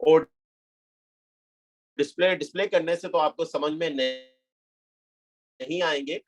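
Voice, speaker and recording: A man, teaching a math lesson step by step, mixing in English terms and checking "clear?" with his students. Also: a little high, a little slow. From Pakistan. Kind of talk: classroom lecture.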